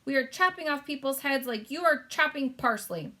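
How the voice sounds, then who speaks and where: A woman's voice: high voice, expressive, moderate pace, pushed and bright, pitched above the performer's own voice. A woman voicing a proud, matter-of-fact sultan who speaks in formal statements, in a storybook reading.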